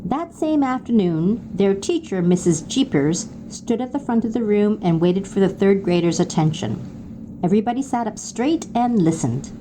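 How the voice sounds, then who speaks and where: Expressive woman reading a children's book. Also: medium pitch, background noise. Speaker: narrator. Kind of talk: storybook read-aloud.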